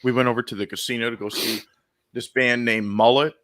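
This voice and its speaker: A man's voice: medium pitch, steady tone, brisk, fairly bright tone. A man co-hosting a casual sports podcast, laid-back and teasing, laughing easily. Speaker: podcast co-host.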